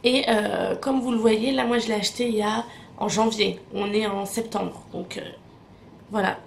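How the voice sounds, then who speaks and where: A woman's voice: mid-range voice, steady tone, normal speed, vocal fry, slight background noise. A young woman from Morocco chatting casually through a beauty product review, full of fillers and repeated words. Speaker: beauty vlogger.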